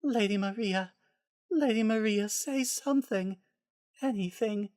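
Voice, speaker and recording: A desperate, deranged patient pleads in a raised, high voice. The delivery is plaintive and theatrical, as in a dramatic storybook reading, recorded dry and close to silence of any room. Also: male voice, a little slow, darkish tone, no echo. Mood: mad, plaintive. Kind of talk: dramatic reading of fan fiction.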